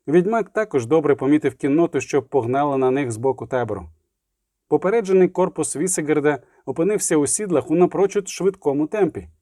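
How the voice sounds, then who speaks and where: Mellow-voiced male audiobook narrator. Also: fairly high pitch, no room sound, clean studio sound. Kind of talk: scripted fantasy audiobook narration.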